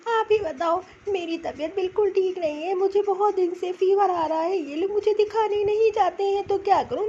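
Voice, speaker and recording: A woman's voice: extremely high pitch, a little mellow, highs cut off. A woman voicing a sick, tearful young married woman pleading with her father in a cartoon story. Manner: weepy, complaining. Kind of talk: cartoon voice acting.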